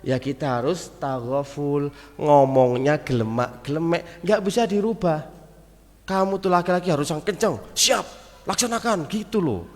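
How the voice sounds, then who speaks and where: A man's voice: a little high, normal speed. A man with a Javanese accent giving a casual mosque study talk, mixing in Arabic terms and acting out little everyday exchanges. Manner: lively, mixes Javanese and Arabic terms, acts out little dialogues. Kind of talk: casual sermon. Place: mosque hall. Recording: long hall reverb in a mosque.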